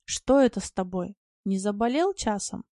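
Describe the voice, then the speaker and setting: Woman doing a gruff, brash tomcat. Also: mid-range voice, normal speed, dry recording, studio quality, natural voice. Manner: gruff, blunt and lively. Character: rough, brash yard tomcat, quick-tempered.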